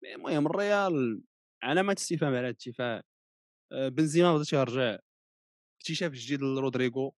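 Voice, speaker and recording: A man's voice: mid-range voice, quick pace, dry recording, clean studio sound. A man with a Moroccan Arabic accent chatting casually about football, mixing in French words and repeating his phrases. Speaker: football pundit.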